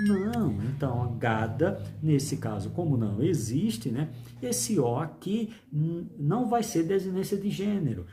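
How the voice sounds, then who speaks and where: Lively teacher, man. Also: on the high side, a little hiss or hum. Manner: upbeat, coaxing, quizzes with rhetorical questions. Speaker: Portuguese teacher. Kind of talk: online grammar lesson.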